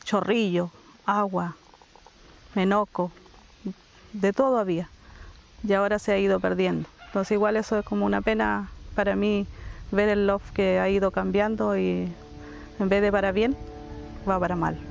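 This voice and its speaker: An older community leader from southern Chile, giving a slow, reflective documentary testimony with pauses. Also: medium pitch, level tone, gravelly, highs cut off, faint music behind. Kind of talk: documentary testimony mixing Spanish and Mapudungun.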